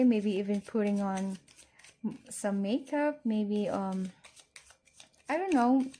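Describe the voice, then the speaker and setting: A woman's voice: fairly high pitch, dark tone. A woman giving a casual tarot reading, speaking to the listener as a fortune teller. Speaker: tarot card reader.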